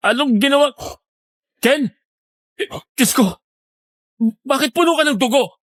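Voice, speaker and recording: A woman's voice: high-pitched, slow, no room sound, studio quality, voice pushed up. A woman voicing a bewildered, impatient young man who gives urgent orders in a horror story. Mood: shocked, confused. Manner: urgent, commanding.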